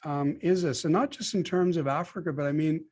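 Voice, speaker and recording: A man's voice: fairly high pitch, brisk, darkish tone. A man hosting a podcast, asking conversational questions with some hesitation. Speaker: podcast host. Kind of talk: interview questions.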